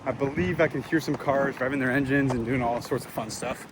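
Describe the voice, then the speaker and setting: A man vlogging outdoors at a racetrack on a handheld camera, talking in awestruck, excited bursts and sometimes out of breath. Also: mid-range voice, brisk, background noise. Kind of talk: excited walk-around vlog.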